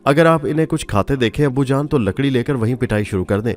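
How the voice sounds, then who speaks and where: A man's voice: mid-range voice, fast, close to an everyday voice. A man voicing a playful young daughter who speaks in a light, teasing way.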